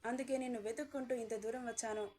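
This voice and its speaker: This is a storybook reading with a scheming male kidnapper who coaxes and threatens his young captive, as a woman narrator puts him on. His voice stays fairly high, the way it sounds when a woman reads for him. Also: fairly even intonation, quick pace, dark tone, natural voice. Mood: falsely soothing. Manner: coaxing, then threatening. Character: scheming male kidnapper uncle, menacing and fake-kind.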